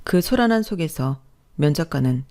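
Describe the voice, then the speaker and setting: A middle-aged woman narrating a first-person real-life story in a calm, even storytelling way. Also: low voice, normal speed.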